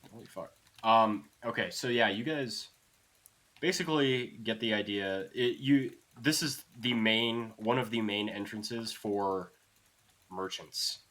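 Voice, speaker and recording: Low bright-voiced man running the game. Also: slow pace. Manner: casual, loose, swears often. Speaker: dungeon master. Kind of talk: narrating a tabletop game.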